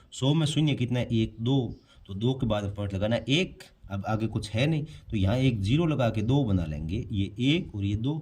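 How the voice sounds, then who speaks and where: A man's voice: lowish voice, darkish tone, slightly rough. A man explaining a primary-school math lesson step by step, posing questions and answering them himself. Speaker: math teacher. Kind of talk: classroom-style math lesson explaining on a board.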